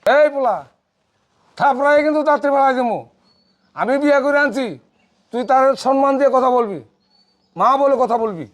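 A man playing a gruff, stubborn old father. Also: extremely high pitch, normal speed, long pauses. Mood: defiant. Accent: Bangladeshi colloquial Bengali. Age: 60s. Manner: gruff and defiant, threatens. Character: stubborn sixty-year-old father who remarries.

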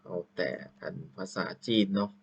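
A man teacher walking through a screen-recorded software tutorial, unhurried and thinking aloud with drawn-out fillers, into a computer microphone.

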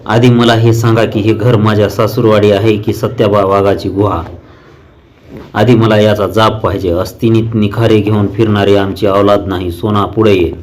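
A man's voice: fairly low pitch, level tone, normal speed, natural voice. A man reading aloud and voicing an angry, domineering young village man who accuses and lectures. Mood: stern. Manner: loud, accusing, stern.

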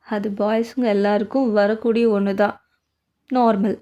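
A woman voicing a tired, stubborn young male scholar who speaks in a low, subdued way in a storybook-style drama reading. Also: fairly even intonation, moderate pace, mellow, lo-fi sound, natural voice.

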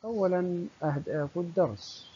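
A primary school teacher giving a recorded lesson, speaking slowly and deliberately and stretching out the example words. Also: medium pitch, warm tone, breathy edge. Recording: dull lo-fi recording.

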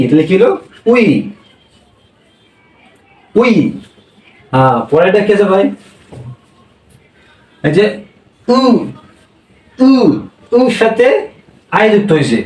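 High-voiced man teaching in an echoey room. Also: sing-song, slow, long pauses, a little mellow, distant mic. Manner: drills sounds with repeated questions. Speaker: Korean language teacher. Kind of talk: classroom lesson.

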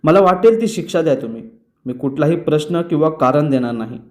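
Remorseful young son, apologetic, pleading, slightly high pitch, voiced by a man. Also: lively intonation, brisk, darkish tone, lightly acted. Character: remorseful young man begging his father.

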